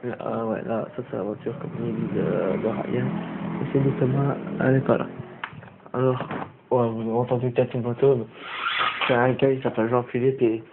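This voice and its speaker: A young Belgian man rambles through a casual vlog in a Belgian French accent, stopping often for fillers and restarts. The sound is thin and boxy, like a phone line, and a steady hiss runs under it. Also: mid-range voice, moderate pace. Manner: rambling, hesitant, many fillers. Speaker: vlogger. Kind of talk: casual room-tour vlog. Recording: tinny lo-fi phone-like audio with hiss.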